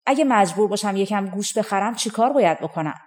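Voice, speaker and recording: A woman's voice: mid-range voice, expressive, darkish tone, close to an everyday voice. A woman voicing a poor young farmhand boy in a folk tale, earnest and plaintive. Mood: glum.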